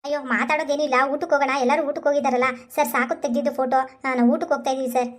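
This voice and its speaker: A woman's voice: high-pitched, steady tone, rapid-fire, close to an everyday voice. Woman voicing a sweet young cartoon girlfriend. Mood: earnest. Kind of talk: animated comedy cartoon voice.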